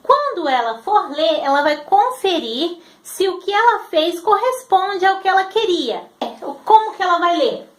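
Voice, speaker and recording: Very high-voiced woman teacher, roomy echo. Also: very animated. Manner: patient, sounds out syllables slowly. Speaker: literacy teacher. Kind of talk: explanatory teaching video.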